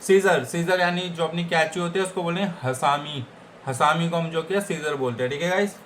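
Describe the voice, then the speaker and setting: A man's voice: a little high, a little fast, a bit bright, slight background noise. A man with an Indian accent teaching Japanese vocabulary in a casual lesson, repeating each word and checking in with his listeners. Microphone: computer setup.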